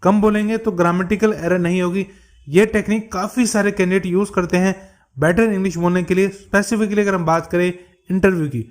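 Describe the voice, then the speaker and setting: High-voiced man teaching a lesson. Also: a little fast. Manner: addresses viewers as friends, steady instructive delivery. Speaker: English tutor. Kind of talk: explanatory lesson for learners.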